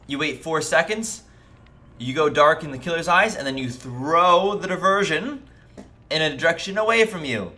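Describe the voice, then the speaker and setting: A man's voice: fairly high pitch, lively intonation, moderate pace, bright, forceful tone. A man giving casual, chatty gameplay commentary to his video viewers, upbeat and talking straight to them. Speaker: gaming video creator.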